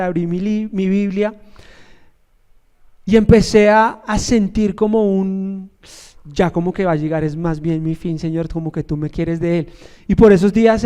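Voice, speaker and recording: High-voiced man preaching a casual sermon. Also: dark tone, clean tone. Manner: conversational storytelling with humor and questions to the congregation. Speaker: pastor.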